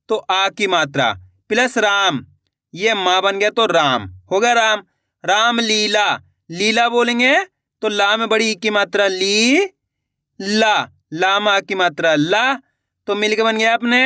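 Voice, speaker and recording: A man's voice: high voice, sharp tone, clear, resonant tone, no echo, clean studio sound. A man teaching Hindi spelling, sounding words out syllable by syllable, repeating each word and asking his viewers questions. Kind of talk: slow, syllable-by-syllable spelling lesson.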